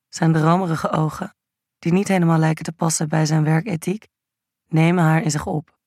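A man narrating an erotic audio story in a slow, even, intimate reading. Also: on the high side, gravelly, slightly rough, dry recording, clean studio sound.

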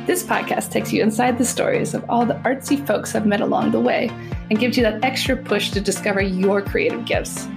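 An American woman delivers a scripted podcast intro in an upbeat, promotional manner. Her voice sits fairly high with a gravelly fry, and clear music plays behind her. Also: steady tone, a little fast. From United States. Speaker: podcast host.

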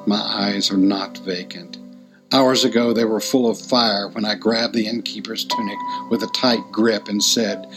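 A man voicing a watchful, determined young husband who speaks firmly in a deeper voice, with music playing behind. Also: fairly even intonation, a little slow, low-quality recording. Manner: firm, deeper voice.

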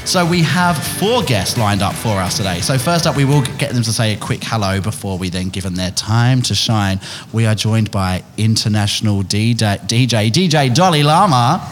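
A man's voice: on the low side, lively intonation, normal speed, few pauses, soft background music. A man with an Essex accent, hosting a podcast in casual, jokey chat with guests around a table. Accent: Essex English. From England. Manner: chatty, jokey, playful. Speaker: podcast host.

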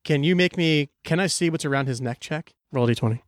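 A man's voice: on the high side, quick pace, no echo, studio quality. A man narrating as game master of a tabletop role-play, joking and loose, often restarting phrases.

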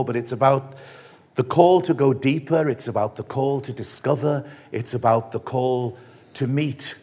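A man preaching a retreat sermon, telling a story in a measured, reflective way. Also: medium pitch. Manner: measured, reflective, softly emphatic.

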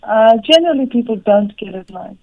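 A middle-aged woman answers interview questions in a calm, matter-of-fact way. Her voice sits a little high. The sound is dry and narrow, like a phone line. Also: brisk, no echo. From South Africa. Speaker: guest, home health care business owner.

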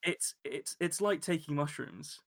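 A man co-hosting a podcast, chatting casually and halting often, with many restarts and filler words. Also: fairly high pitch, gravelly. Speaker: podcast co-host. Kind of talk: casual chat.

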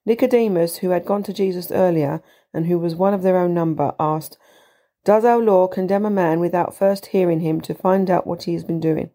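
A woman reading scripture aloud in a measured, steady way. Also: on the low side. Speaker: scripture reader.

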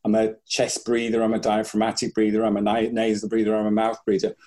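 Lowish and dark in tone, his voice comes out completely flat and fast. As a breathing coach in a podcast interview, he reflects out loud, keeps restarting lines, and performs his clients' words.

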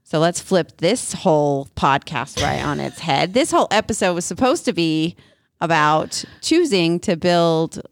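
A woman in her thirties co-hosting a podcast, telling a family story in a casual, animated way. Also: low-pitched, measured pace, dry recording, studio quality. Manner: animated, acts out family members' voices in her retelling. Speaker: podcast co-host.

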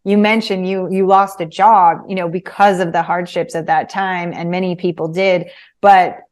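A woman interviewer giving reflective, earnest commentary in short, deliberate phrases. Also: on the low side, flat delivery, darkish tone.

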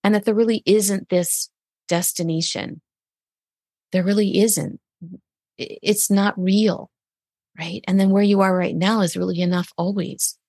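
A woman's voice: mid-range voice, steady tone, measured pace, pauses often, a little mellow, no echo, clean studio sound. A middle-aged woman hosting a podcast interview, effusive and affirming, often repeating phrases for emphasis. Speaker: podcast host. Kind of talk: warm interview chat.

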